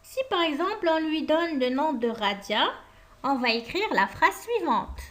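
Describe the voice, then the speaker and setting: Slow, bright-voiced woman teacher. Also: high voice, lively intonation. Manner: slow, deliberate, dictation-like delivery; asks questions then answers them herself. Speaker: primary school French teacher. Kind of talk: recorded lesson, dictating words slowly.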